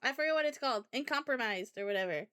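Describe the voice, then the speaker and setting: A woman with a high, bright voice tells a rambling story in a loose, chatty way. She talks to her stream viewers casually, as if catching up with friends. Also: expressive, fast, smooth. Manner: rambling, chatty anecdote telling. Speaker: VTuber streamer.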